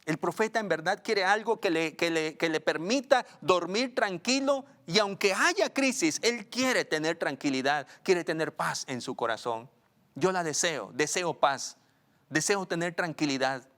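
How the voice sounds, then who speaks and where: Brief: male pastor, fairly high voice, preaching with rising emphasis and slowed scripture reading. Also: lively intonation. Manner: preaching, swells loud and high on questions, slows for scripture. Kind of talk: sermon.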